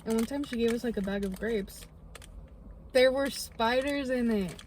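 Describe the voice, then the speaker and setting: A woman's voice: a little high, moderate pace, a little mellow, a little hiss or hum. A young woman co-hosting a podcast, chatting casually and rambling with lots of fillers. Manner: rambling, filler-heavy storytelling. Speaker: podcast co-host. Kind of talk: casual chat.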